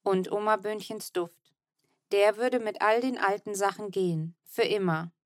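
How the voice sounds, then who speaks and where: Clean studio sound without any room noise carries a medium-pitched woman's voice at a measured pace. She is an audiobook narrator, gently and evenly telling a children's book in the first person.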